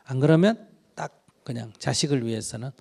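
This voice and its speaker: Gravelly Buddhist monk giving blunt advice. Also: male voice, mid-range voice, normal speed. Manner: blunt and animated, acts out shouting children. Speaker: Buddhist monk answering questions. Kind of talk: question-and-answer dharma talk.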